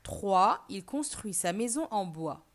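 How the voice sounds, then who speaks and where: A woman teacher reading a fairy tale aloud for learners, then asking questions and reading a vocabulary list. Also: medium pitch. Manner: clear, deliberate, expressive reading. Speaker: French teacher. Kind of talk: slow storybook narration and vocabulary lesson.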